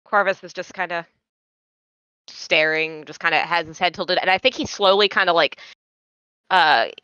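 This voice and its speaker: A woman player in a tabletop role-playing game, describing her character's actions and asking quick, eager questions. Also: lowish voice, bright, forceful tone, clean tone, dry recording, lo-fi sound.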